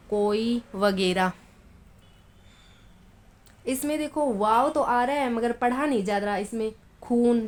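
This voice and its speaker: A woman teaching with a fairly high voice. She drags out each example word slowly and gives a patient explanation. She repeats herself often so that learners can follow. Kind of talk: Urdu phonetics lesson.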